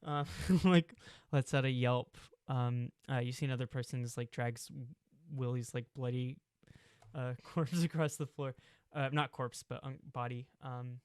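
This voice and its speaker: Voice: mid-range voice, fairly even intonation, unhurried, smooth, no room sound. A game master narrating a tabletop role-play game, rambling through many fillers. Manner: rambling, many fillers, bursts into loud shouted character lines.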